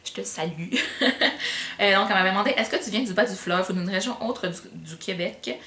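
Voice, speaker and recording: A woman's voice: mid-range voice, fairly quick, sharp tone, reverberant. A young woman from the Magdalen Islands with a light Québécois accent, chatting casually to camera, with lots of fillers and slang. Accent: Magdalen Islands Québécois French, light. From Magdalen Islands, Quebec. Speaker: vlogger.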